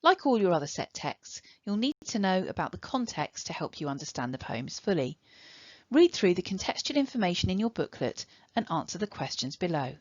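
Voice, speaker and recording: A woman with an English accent teaching a recorded online lesson, giving clear step-by-step instructions. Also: lowish voice, big pitch swings, brisk, darkish tone, no room sound, highs cut off.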